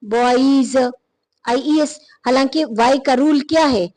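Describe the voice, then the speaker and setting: Woman teacher, slightly high voice, slow and patient, spells words out. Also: darkish tone. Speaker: English teacher. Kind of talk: explaining a phonology lesson.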